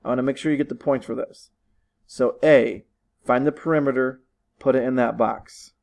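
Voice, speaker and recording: A man's voice: mid-range voice, steady tone, moderate pace, creaky, a little mellow, poor audio. A man teaching his students from his living room, walking them through test questions patiently and repeating instructions. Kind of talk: recorded online lesson walkthrough.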